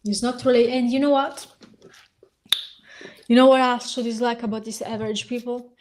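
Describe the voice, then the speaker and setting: A young woman talks straight to camera in a blunt, defiant, dismissive rant. Her voice sits a little high, and it is worn down as she loses it. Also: little pitch movement, moderate pace, darkish tone, a little hiss or hum. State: losing her voice. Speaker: vlogger. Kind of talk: casual vlog rant.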